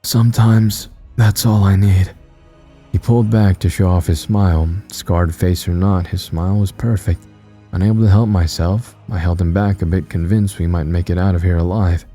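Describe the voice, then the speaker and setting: Deep-voiced male horror narrator. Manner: slow, steady, measured reading. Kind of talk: scripted horror story narration. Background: soft music.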